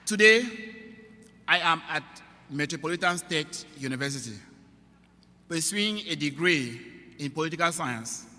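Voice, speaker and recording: A young man from Cameroon delivers a prepared commencement address at a podium, his voice pitched a little high and bright. He talks slowly in measured, earnest phrases, and a long reverb from the big auditorium trails after every line. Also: expressive. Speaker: student trustee giving a commencement speech. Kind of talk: formal prepared speech. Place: large auditorium. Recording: long reverb of a large hall.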